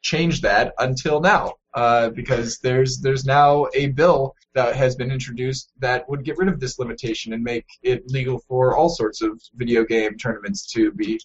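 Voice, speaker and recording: A man's voice: medium pitch, steady tone, moderate pace, hardly any pauses. A man co-hosting a gaming news podcast, chatting loosely with many fillers and restarts. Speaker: podcast co-host. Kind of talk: casual news chat. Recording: dull lo-fi podcast audio.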